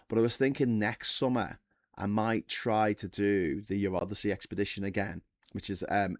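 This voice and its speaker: A man in his forties chatting casually on a live stream, wandering from one bit of trivia to the next and correcting himself as he goes. His voice sits fairly low, and the sound is dry and close with no room to it. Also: no echo. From England. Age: 40s. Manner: rambling, self-correcting, chatty with the chat. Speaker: livestream host.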